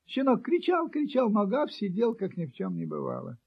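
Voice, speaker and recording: A man reading a children's story aloud in an expressive, sing-song way. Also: very high voice, moderate pace, breathy edge. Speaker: narrator. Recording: dull lo-fi recording.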